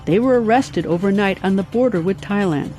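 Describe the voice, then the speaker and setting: A woman reading scripted documentary narration in a measured, even way. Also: mid-range voice, soft background music.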